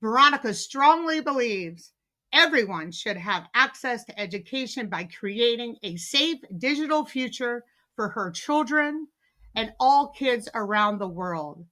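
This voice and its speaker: Bright-voiced enthusiastic woman podcast host. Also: a little high, animated, a little slow. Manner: enthusiastic, many fillers and restarts. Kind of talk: podcast interview.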